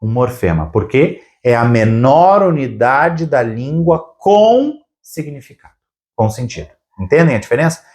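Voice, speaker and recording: A man's voice: mid-range voice, very animated, a little slow, a little mellow. A man teaching a recorded language lesson, explaining patiently, stretching out key words and checking in with "tá?" and "né?". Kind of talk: recorded video lesson with whiteboard.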